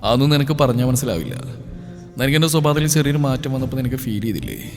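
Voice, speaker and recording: A man voicing an impulsive, heartbroken young brother in an audio story, in a lowered, earnest voice. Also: expressive, fast, lightly acted. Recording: reverberant with faint music.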